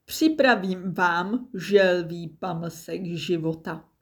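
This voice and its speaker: A woman voicing an eager, polite tortoise in a storybook reading, raising her voice high and bright for the part. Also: lightly acted. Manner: excited, polite. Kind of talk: storybook narration.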